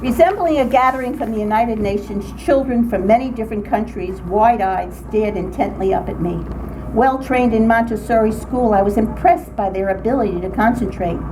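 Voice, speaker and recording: Reading aloud to fellow members of a writing group, an older woman delivers her funny personal essay with comic theatricality, her voice a little high at a moderate pace. Background ambience from the noisy indoor meeting room comes through.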